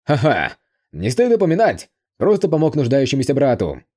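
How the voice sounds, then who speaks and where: A man voicing a big-hearted but hot-tempered uncle in an audiobook, hearty and loud. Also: mid-range voice, wildly swooping pitch, normal speed, husky. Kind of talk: audiobook character voice.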